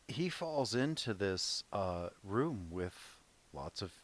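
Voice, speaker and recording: A man's voice: lowish voice, big pitch swings, takes it slowly. A man co-hosting a movie podcast, chatting casually about a film and laughing often. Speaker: podcast co-host.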